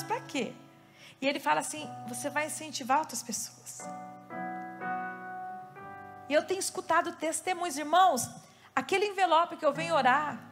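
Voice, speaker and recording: High-voiced Brazilian woman preaching over music. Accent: Brazilian Portuguese. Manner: animated storytelling with quoted asides. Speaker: pastor. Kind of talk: sermon. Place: church. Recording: music playing under the voice.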